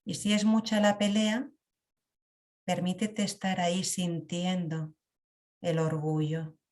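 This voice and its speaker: A woman with a lowish voice leads a guided emotional meditation, speaking slowly, calmly, and reflectively with long pauses.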